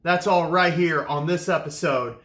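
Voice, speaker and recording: An upbeat man chats casually to his viewers as host of his own vlog, snacking between lines. His voice sits high for a man and rings bright and forceful. The sound bounces around an echoey room. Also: normal speed. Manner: upbeat, chatty, talks to viewers while snacking.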